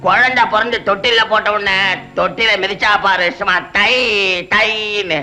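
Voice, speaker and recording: A man's voice: high-pitched, steady tone, normal speed, sharp tone, faint music behind. An actor playing a boastful middle-aged father who brags and rambles. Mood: bragging. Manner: bragging, rambling. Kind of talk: 1970s film comedy acting.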